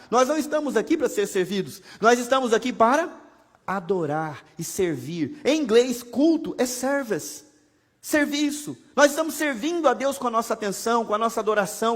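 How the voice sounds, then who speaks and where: A very high-pitched, expressive male voice at normal speed belongs to a pastor with a Brazilian Portuguese accent. He preaches in a church sanctuary, chatty and humorous with many rhetorical questions, and the recording carries long hall reverb.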